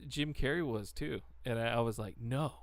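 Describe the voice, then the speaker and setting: A man's voice: medium pitch, a little fast, no room sound, clean studio sound. A man hosting a casual chat with friends, blunt, joking and opinionated. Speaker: podcast host.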